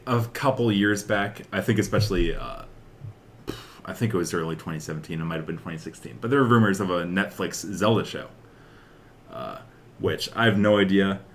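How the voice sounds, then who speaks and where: Games and films are the topic as this young co-host chats casually, enthusiastic and rambling, his phrasing hesitant. His voice sits low, and there's slight background noise.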